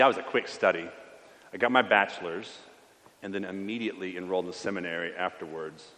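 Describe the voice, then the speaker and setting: A man's voice: low-pitched, a bit bright. A man preaching in character as a young Syrian priest stranded as a refugee, speaking in a wistful, weary first-person voice. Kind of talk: sermon monologue in character. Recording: long church reverb.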